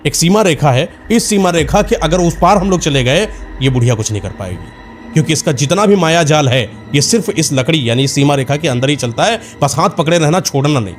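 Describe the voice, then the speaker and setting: A man's voice: on the high side, expressive, fairly quick, faint music behind, lightly acted. A man voicing an urgent young man who pleads with his friends to trust him and run, in a horror story.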